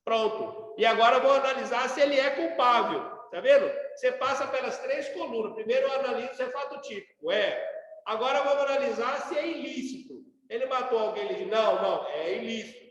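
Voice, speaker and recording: A man with a Brazilian accent teaching a law class in a loose, chatty way, often checking in with the students through quick rhetorical questions. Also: very high-pitched, a bit bright. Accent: Brazilian Portuguese. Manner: colloquial, rhetorical questions and tags like "sacou?". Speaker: law professor. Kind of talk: informal classroom lecture. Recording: very echoey hall, long reverb.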